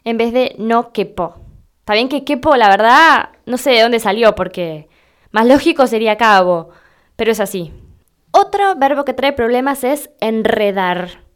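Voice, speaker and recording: Bright-voiced Rioplatense woman teaching grammar. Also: fairly high pitch, expressive, smooth. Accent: Rioplatense Spanish. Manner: spells out forms slowly when reading entries aloud. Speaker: Spanish language teacher. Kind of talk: explanatory grammar lesson.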